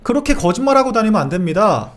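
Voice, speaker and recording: Fiery high-voiced man with rapid questions. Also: big pitch swings. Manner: indignant, rapid-fire rhetorical questions. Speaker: political commentator on a live show. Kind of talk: heated panel discussion.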